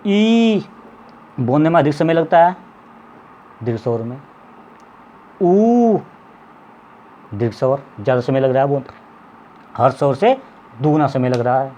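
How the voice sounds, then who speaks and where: A man's voice: mid-range voice, a little mellow. A man teaching a lesson to students, stretching out vowel sounds as examples, repeating a check-in phrase, and coughing now and then. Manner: drawn-out vowel demonstrations, repeats "ठीक है". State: occasional coughing. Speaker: Hindi teacher. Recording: slightly dull lo-fi audio with faint background noise.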